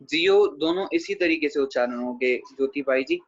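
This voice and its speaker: A man teaching a pronunciation lesson online, patiently repeating words slowly and checking in with students by name. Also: mid-range voice, no echo. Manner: patient, repeats words slowly to model pronunciation, says 'theek hai' often; addresses students by name, answering their questions. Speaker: Gurbani grammar teacher. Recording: dull dry lo-fi audio.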